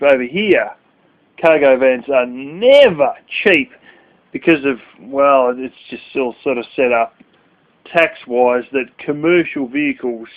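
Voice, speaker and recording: A sleepy man ranting bluntly and rambling as he talks to camera, swearing freely. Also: mid-range voice. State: sleepy, yawning late at night. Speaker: vlogger. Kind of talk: casual rant to camera. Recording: tinny phone-like audio.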